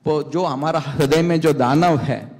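A middle-aged man, a panel guest, giving a spiritual talk on a TV stage, halting often and mixing in English words, speaking into a handheld mic. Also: on the high side, darkish tone. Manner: halting, many restarts, mixes English words. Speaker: panel guest, temple vice-president. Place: large stage hall with audience. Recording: long hall reverb.

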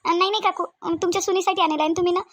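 A lonely young new mother speaks in a soft, hesitant Varhadi accent for a cartoon. Her voice sits high and moves quickly. The sound is dry and close. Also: fairly even intonation, no room sound. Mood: sad. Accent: Varhadi Marathi. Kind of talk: cartoon voice acting.

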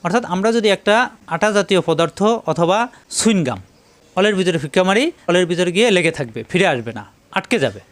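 A man's voice: sits high, animated. A man teaching Quran recitation rules, patiently repeating each sound to show the difference. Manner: recites verses in slow drawn-out chant. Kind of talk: tajweed lesson.

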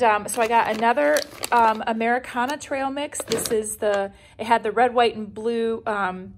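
A woman's voice: medium pitch, slight background noise. A middle-aged woman chatting casually through a grocery haul at home. She is upbeat and chatty, with plenty of ums and restarts. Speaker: vlogger showing a grocery haul. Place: home kitchen or dining room, indoors.

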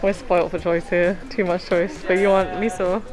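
A woman's voice: on the low side, level tone, normal speed. Chatty masked woman with music underneath. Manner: chatty and enthusiastic, laughs often. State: speaking through a face mask. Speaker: travel vlogger. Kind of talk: casual travel vlog chat. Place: outdoors in a shopping street. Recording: music playing over the voice.

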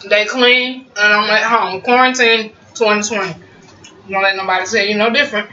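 A woman talks to her viewers as y'all during a casual cooking vlog, savoring each mouthful with a hum as she eats in her home kitchen. She speaks at a normal speed in a medium-pitched, steady voice that is bright and forceful. Slight background noise runs under a roomy, distant, muffled recording.

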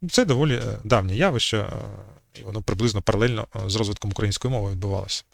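A man's voice: lowish voice, very fast, creaky. A man giving an unscripted talk on language history as channel host, hesitating often with fillers and restarts.

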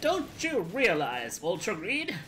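A man's voice: high voice, huge pitch swings, a little slow, a bit bright, slight background noise, voice pushed up, full character voice. A man voicing a gloating male video game villain, taunting and theatrical.

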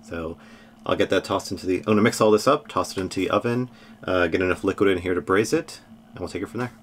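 A man in his thirties talking casually to the camera as a sailing vlogger, relaxed and chatty with small laughs, recorded aboard a small boat. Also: low-pitched, fast talker, a little hiss or hum. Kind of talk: casual vlog narration. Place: small boat cabin and deck.

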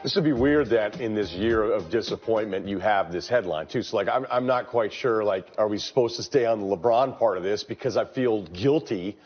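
A man bantering on a sports panel, quick and joking. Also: fairly low pitch. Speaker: podcast host on panel. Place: TV studio. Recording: dull broadcast audio with music.

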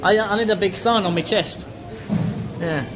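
Speaking at normal speed in a high voice, a young English man vlogs casually and jokingly, repeating himself often. He moves between a car, a large busy pub and a theatre, filming on a handheld phone at arm's length against loud music and a busy crowd.

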